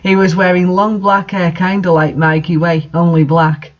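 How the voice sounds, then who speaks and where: With a voice that sits high and a flat delivery at normal speed, a man reads a story for his bad fanfiction reading series; the recording's highs are cut off. He's clearly amused, reading it comedically, adding commentary, and breaking into laughs.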